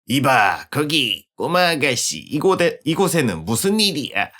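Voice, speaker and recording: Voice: mid-range voice, big pitch swings, a little slow, a bit bright. A streamer voicing a suspicious male stranger in a video game, speaking to a child with insinuating reassurance. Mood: ominously friendly. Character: suspicious, smooth-talking adult male stranger warning a child.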